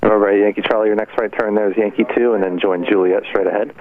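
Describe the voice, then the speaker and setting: A man's voice: fairly low pitch, steady tone, quick pace, narrow, tinny audio. A man working as a ground air traffic controller, giving taxi instructions over a radio. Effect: radio transmission. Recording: thin band-limited radio, faint static.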